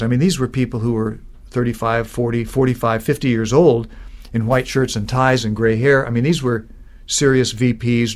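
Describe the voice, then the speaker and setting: Male business coach, mid-pitched, lively anecdotal storyteller. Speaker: business speaking coach and co-founder. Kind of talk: animated conversational storytelling.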